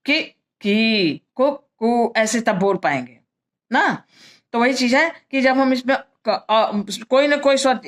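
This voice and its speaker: Patient woman teaching grammar, higher voice. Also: fairly bright tone. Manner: patient and repetitive, checks in with listeners. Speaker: Sanskrit teacher. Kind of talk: classroom grammar explanation.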